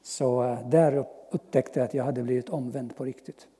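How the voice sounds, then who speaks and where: A man giving an earnest personal testimony as a preacher, speaking slowly with long pauses and sudden soft drops. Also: medium pitch, fairly even intonation, husky. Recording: long hall reverb.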